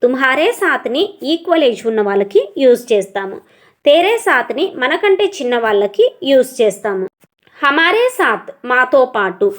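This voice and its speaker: A woman with a Telugu accent teaches a tutorial lesson in a high voice. Her pitch rises and falls in wide, lively sweeps. She works through each word slowly and repeats it with its translation. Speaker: language teacher.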